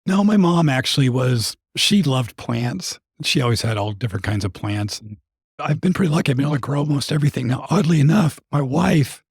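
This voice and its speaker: A man with a raspy, hoarse voice co-hosting a podcast in casual conversation. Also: medium pitch, expressive, brisk, no echo, clean studio sound. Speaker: podcast co-host.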